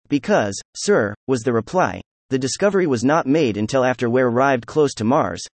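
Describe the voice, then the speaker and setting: A man reading a classic science fiction story aloud as scripted narration, with an even, unhurried delivery and the dialogue read with little change of voice. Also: mid-range voice, dry recording. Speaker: audiobook narrator.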